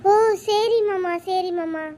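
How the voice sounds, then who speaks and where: A performer with a very high, dark-toned voice plays a timid young village mother in a cartoon. The character speaks slowly and answers in a meek, polite, hesitant way.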